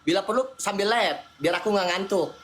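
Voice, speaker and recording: A man's voice: sits high, brisk, a bit bright, a little hiss or hum. A man in a couple argument, defensive and placating, half-joking as he apologizes.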